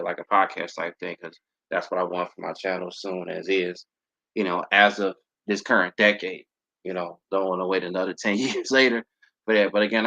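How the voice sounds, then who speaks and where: A man's voice: low voice, sharp tone. A man in his thirties hosting an aviation channel livestream, talking casually and rambling with lots of fillers and restarts. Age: 30s. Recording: dull lo-fi stream audio.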